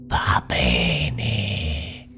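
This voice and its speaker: A man voicing a monstrous two-headed guardian, with a doubled, strangled demonic voice and slow, grave whispered pronouncements. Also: rumbling low, sing-song, vocal fry, sharp tone, soft background music, pitched below the performer's own voice, heavily acted. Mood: ominous. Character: monstrous two-headed male guardian of a lost realm, ominous. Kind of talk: dramatic horror storytelling.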